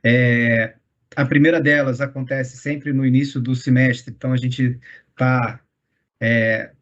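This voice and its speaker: Homem apresentador em chamada abafada. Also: male voice, mid-range voice, level tone, a bit bright. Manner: rambling, many filler pauses. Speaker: meeting host explaining the program. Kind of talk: online meeting talk. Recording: muffled call audio.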